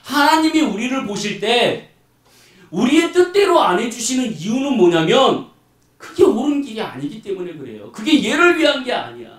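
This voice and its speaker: High, animated male pastor in an echoey hall. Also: moderate pace. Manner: animated, colloquial preaching with acted-out voices. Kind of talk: sermon. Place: church hall. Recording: echoey hall, mic from far off.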